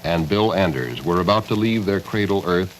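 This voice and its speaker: A man narrating a scripted 1960s documentary with solemn, portentous and measured phrasing. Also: sits low, expressive. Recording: faintly noisy 1960s film soundtrack.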